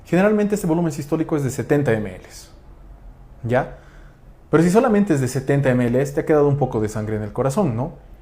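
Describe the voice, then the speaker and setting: A man's voice: fairly high pitch, animated, brisk, warm tone. A man lecturing on physiology, asking rhetorical questions and checking in with tag questions. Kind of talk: explanatory lecture.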